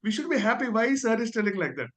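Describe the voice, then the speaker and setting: A man's voice: extremely high pitch, very animated, quick pace, a bit bright. A man with an Indian accent giving an earnest testimonial as a guest, very deferential and often ending his phrases with "sir".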